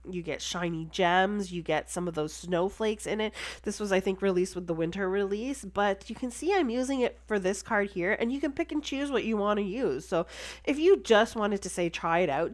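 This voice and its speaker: A woman with a stuffy, congested voice, chatting enthusiastically as she talks through making a card. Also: mid-range voice. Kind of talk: casual crafting tutorial voice-over.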